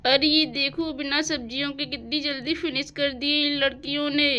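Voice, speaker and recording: A woman's voice: high-pitched, fairly even intonation, normal speed, sharp tone, a little hiss or hum. A woman voicing a strict mother in a doll-house cartoon story, nagging and scolding her daughter.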